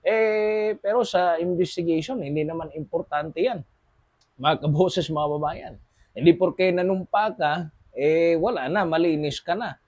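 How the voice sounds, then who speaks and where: A man's voice: fairly high pitch, measured pace, darkish tone, no room sound. A man with a Filipino accent giving casual news commentary as a show host, constantly addressing his audience and using many fillers.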